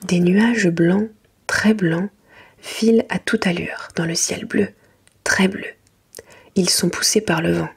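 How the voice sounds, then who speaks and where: A woman reads a children's bedtime story in a hushed, very breathy whisper. Her voice sits a little low, and she goes gently and carefully, in a soft ASMR reading style.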